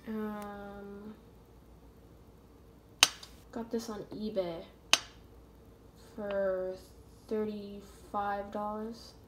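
A woman reviews a small model plane in a casual, halting way, pausing often and filling gaps with ums. Her speech is slow and fairly level in tone, recorded on a phone camera indoors at home with a faint hiss behind her. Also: medium pitch, little pitch movement. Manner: hesitant, many ums and pauses.

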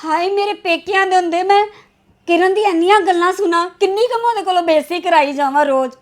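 A woman's voice: very high-pitched, fast talker. A woman playing a hurt married daughter in a family drama, crying and complaining. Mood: aggrieved. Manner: complaining, aggrieved.

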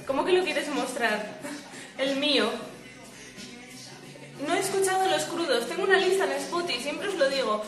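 A young-sounding woman with a high voice and a Spain Spanish accent, chatting casually on a livestream from a hammock at home. She reads viewer comments aloud and laughs often. Her phone picks her up in an echoey room with faint music behind. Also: expressive, normal speed, long pauses. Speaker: livestream host. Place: at home lying in a swaying hammock.

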